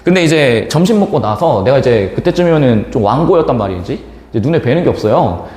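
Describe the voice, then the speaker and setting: A man's voice: mid-range voice, quick pace. A young man teaching Korean literature in a classroom, telling a slangy personal story and acting out the voices of the people in it. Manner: animated, slangy, acts out quoted voices. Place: lecture classroom. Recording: echoey classroom with long reverb.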